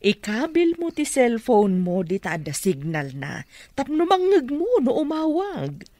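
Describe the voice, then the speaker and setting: A woman's voice: a little high, big pitch swings, a little slow, warm tone, no echo. An actress playing a scheming, bossy middle-aged mother in an Ilocano radio comedy drama, scornful and commanding. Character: scheming, bossy mother egging on her daughter.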